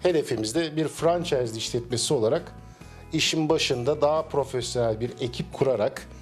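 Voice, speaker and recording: Middle-aged male cafe owner, steady mid-pitched voice, measured and hesitant, faint music bed behind. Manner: measured, with frequent hesitation fillers. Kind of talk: business interview. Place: small cafe indoors. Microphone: handheld interviewer mic.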